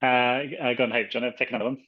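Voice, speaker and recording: A man's voice: mid-range voice, steady tone, rapid-fire. A man hosting a casual chat, joking and playful with his guests. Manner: playful, joking and laughing along. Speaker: host. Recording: dull lo-fi sound.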